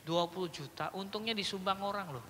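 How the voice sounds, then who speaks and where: A trainer giving a lively workshop lecture to a room of teachers, with a bright, sharp voice. They keep slipping into little acted exchanges between a teacher and a crying child, then check that everyone follows. The voice rings out with a long reverb through a large indoor hall. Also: mid-range voice, a little fast, slight background noise. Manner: lively, acts out short child and teacher dialogues, often checks understanding.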